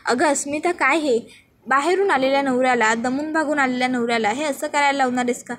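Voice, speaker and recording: Jovial older father, chiding kindly, voiced by a woman narrator; high-pitched. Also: fairly quick, a bit bright, slight background noise. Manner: chiding, good-humoured.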